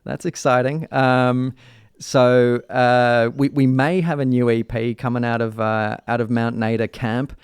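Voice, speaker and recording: A man hosting a casual music interview, with halting, meandering phrasing and jokey, mock-grand wording. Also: medium pitch, level tone, clear, resonant tone, no room sound, clean studio sound. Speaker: radio show host.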